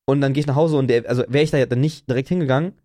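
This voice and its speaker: A man's voice: medium pitch, rapid-fire. A young man, co-hosting a casual podcast and animatedly acting out a story. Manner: animated storyteller, acts out quoted dialogue. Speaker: podcast co-host.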